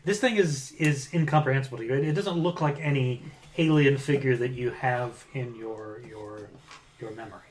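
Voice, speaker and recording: A man's voice: mid-range voice, moderate pace, slight background noise. A man narrating an improvised tabletop game as game master, searching for words as he goes.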